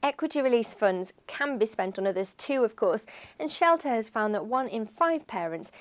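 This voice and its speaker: A woman reading a scripted news-style voice-over for a finance firm in an even, measured way. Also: fairly high pitch. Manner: even, measured read of figures.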